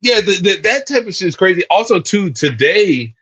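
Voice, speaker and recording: A man's voice: high-pitched, sing-song, moderate pace, a bit bright, breathy edge. A man co-hosting a casual podcast, rambling and repeating words, with slang and swearing. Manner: profane, slangy. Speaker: podcast co-host.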